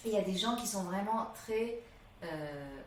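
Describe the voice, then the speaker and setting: Animated English teacher, roomy distant mic. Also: female voice, mid-range voice, moderate pace, a little hiss or hum. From England. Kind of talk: casual podcast interview. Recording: roomy, from off the mic, faint ambience.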